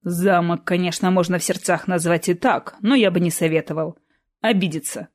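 A woman voicing a handsome man of about thirty with a dry, ironic and unhurried manner, in an audiobook. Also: fairly low pitch, steady tone, lightly acted. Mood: amused.

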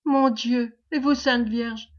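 A woman reading an audiobook, voicing a frightened but brave young woman who pleads in anxious, hushed tones. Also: fairly high pitch, steady tone, slow. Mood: pleading. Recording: dull lo-fi recording.

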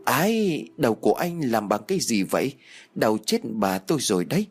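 A man's voice: medium pitch, big pitch swings, moderate pace, husky, soft background music. A man voicing a blunt, hot-tempered young woman. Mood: irritated. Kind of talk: audio story reading.

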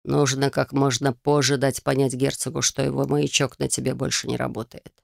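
Reader putting on a soft-spoken magister guy, kind mentor, gravelly edges. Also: medium pitch, little pitch movement, moderate pace, no echo, studio quality. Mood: approving. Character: kind male magister mentor, gentle and wary.

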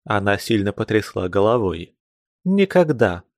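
A man narrating a classic novel in a steady, measured reading. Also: medium pitch, no echo, clean studio sound. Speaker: reader.

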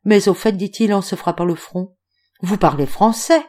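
A woman doing a flustered polite gentleman. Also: medium pitch, normal speed, lightly acted. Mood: bewildered. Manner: courteous, flustered questioning.

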